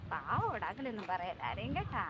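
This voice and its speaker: A woman vlogging casually with her toddler, coaxing him along with gentle questions. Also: medium pitch, huge pitch swings, fast. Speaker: vlogger mother. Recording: loud background noise.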